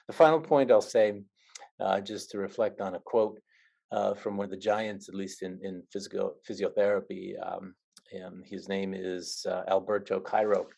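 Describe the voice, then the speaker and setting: Gravelly low-voiced man giving a talk. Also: steady tone, a little mellow. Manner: earnest, halting with repeated restarts. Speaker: seminar speaker. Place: online video call.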